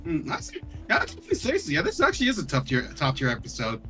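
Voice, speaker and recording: A man chatting casually on a podcast, animated and cursing freely, who slips into character voices. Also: on the high side, quick pace, soft background music. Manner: animated, swears often, puts on character voices. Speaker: co-host.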